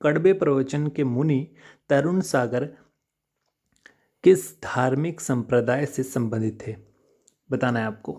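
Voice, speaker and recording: A man's voice: medium pitch, slow pace, pauses often, darkish tone. A man working through exam questions as a teacher in an unscripted lesson, chatty, repeating key answers and addressing viewers directly.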